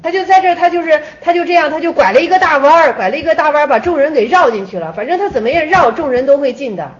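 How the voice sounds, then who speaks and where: A woman explaining an old Zen dialogue in a relaxed, repetitive way, pausing often. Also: sits high. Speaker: Buddhist teacher. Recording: dull lo-fi recording.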